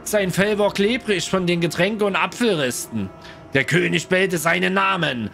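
A man's voice: sits high, moderate pace, gravelly, soft background music. A man streaming a game, chatting with viewers and reading in-game lore aloud. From Germany. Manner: chatty, lively, addresses viewers. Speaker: let's play streamer.

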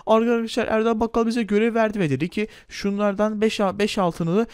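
High-voiced playful young man. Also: level tone, moderate pace, smooth, no room sound, studio quality. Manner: playful, whiny, laughs often. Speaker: gaming video host. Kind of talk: comic game role-play with narration.

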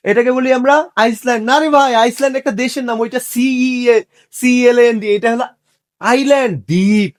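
Man, high voice, playful, teasing, casual English pronunciation lesson. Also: fairly even intonation, brisk. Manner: playful, joking, teasing corrections. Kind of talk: casual teaching video.

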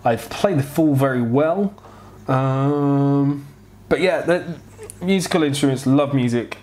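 A man's voice: medium pitch, takes it slowly, a little mellow. A man in his thirties with a wheezy voice, out of breath and unwell, chatting informally and frankly as he answers questions at home on a lapel mic. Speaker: vlogger answering viewer questions. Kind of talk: casual chat, answering questions. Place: home kitchen, indoors. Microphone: clip-on lapel mic.

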